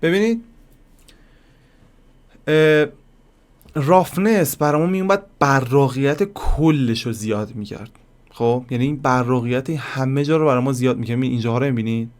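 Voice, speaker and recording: A man giving a casual screen-recorded software lesson, talking to viewers like friends and thinking aloud as he clicks through settings. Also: mid-range voice, pauses often. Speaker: software tutorial instructor.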